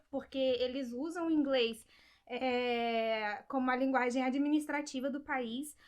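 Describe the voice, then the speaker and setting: A young woman with a Brazilian Portuguese accent, chatting casually about a book and often checking in with her listeners. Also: sits high. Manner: chatty, many fillers and rhetorical "sabe?". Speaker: book vlogger. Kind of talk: casual book review chat.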